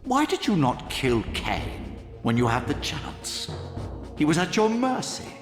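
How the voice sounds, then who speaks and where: A man's voice: a little high, very animated, a little slow. An actor playing a manipulative old sorcerer in a video game, reproachful and theatrical as he pleads his case. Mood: indignant. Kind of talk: dramatic video game voice acting. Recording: echoey hall reverb, music behind.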